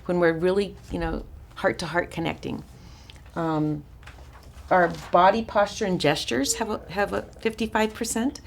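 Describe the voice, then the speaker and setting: Raspy-voiced woman teaching a workshop. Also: fairly low pitch, steady tone, normal speed, a little hiss or hum. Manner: chatty, warm-hearted asides with frequent restarts and fillers. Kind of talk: informal teaching talk to a small group.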